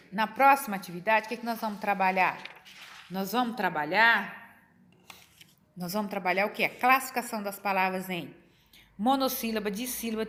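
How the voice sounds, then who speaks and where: A woman's voice: mid-range voice, fairly bright tone. A middle-aged Brazilian woman teaching a class to children, encouraging them and asking and answering her own questions. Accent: Brazilian Portuguese.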